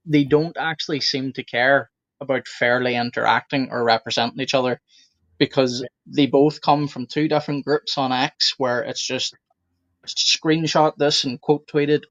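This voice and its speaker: A man co-hosting a casual discussion, giving his honest opinion frankly and deliberately over a remote call. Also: mid-range voice, steady tone, a bit bright, no echo. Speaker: podcast co-host. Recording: dry, dull lo-fi call audio.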